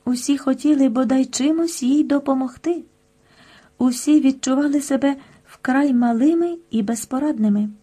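A woman narrating a children's audiobook with a lively, expressive storytelling manner. Her voice is mellow and a little husky, set slightly higher than most. She keeps an even, engaging read aloud. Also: normal speed.

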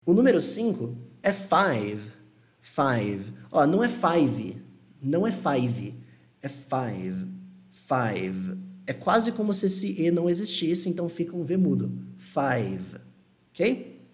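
Young male teacher, casual and encouraging, slow repeats of example words. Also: high voice, animated, a little mellow, slight background noise. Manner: friendly, reassuring, repeats words slowly to model pronunciation. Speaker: English teacher. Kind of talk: casual online lesson.

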